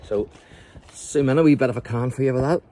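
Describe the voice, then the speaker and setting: Recorded on a handheld phone in a churchyard by the sea, this Northern Irish local history guide keeps his walking tour casual and talkative, using tag questions to draw in the viewer. His mellow, medium-pitched voice runs a little fast. Background noise comes through the outdoor recording.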